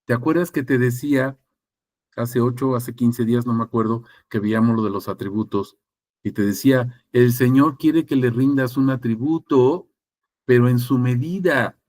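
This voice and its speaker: Male preacher, mid-pitched voice, teaching sermon, repeats phrases, swings between loud and quiet. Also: normal speed. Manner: teaching with rhetorical questions, repeating phrases for emphasis; switches between loud emphatic and quiet passages.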